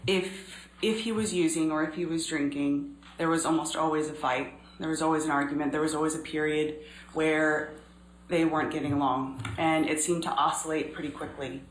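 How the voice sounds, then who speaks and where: A woman in her thirties giving measured, earnest courtroom testimony as a witness, pausing often. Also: deep voice, steady tone. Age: 30s. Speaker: trial witness. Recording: echoey courtroom recording, faint noise.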